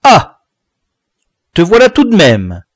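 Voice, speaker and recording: A man voicing a gruff, furious rural father who swears and shouts at his son. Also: a little high, sing-song, slow pace, no echo, clean studio sound, pitched above the performer's own voice, heavily acted. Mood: scolding. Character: angry rural French father, gruff, scolding.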